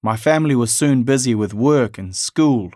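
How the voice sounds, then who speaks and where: A man from Afghanistan narrating his family's story in a measured, reflective way. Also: medium pitch, expressive, mellow, no echo, studio quality.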